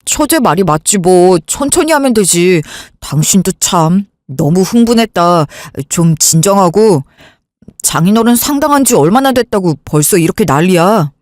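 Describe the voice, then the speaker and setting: A woman voicing a calm, stalling husband. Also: fairly low pitch, moderate pace, no echo, clean studio sound, voice pushed down, natural voice. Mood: placating. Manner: soothing, stalling, keeps urging calm. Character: calm, evasive man, elder sister's husband. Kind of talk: Korean radio drama acting.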